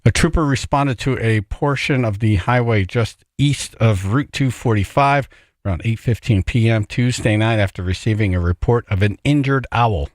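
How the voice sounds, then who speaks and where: A man's voice: medium pitch, normal speed, dry recording. Male morning radio host, dry self-mocking banter, very dry close mic. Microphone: studio microphone.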